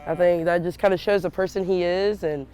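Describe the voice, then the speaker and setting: A young woman softball player talking casually in an interview, with lots of "like" fillers. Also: lowish voice, fairly even intonation, a little fast.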